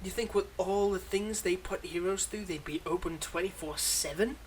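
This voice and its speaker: This intimate roleplay monologue features a man voicing a weary, wry supervillain who's secretly kind, here teasing and fond. He speaks conversationally and a bit hesitantly at a moderate pace, in a high, steady voice close to his everyday one. The recording is rough, with a faint hiss or hum.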